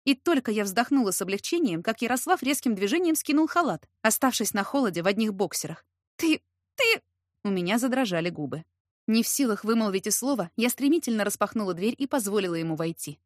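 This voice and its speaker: A woman narrating a first-person romance story in a steady, expressive storytelling voice. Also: mid-range voice, quick pace, dry recording, clean studio sound.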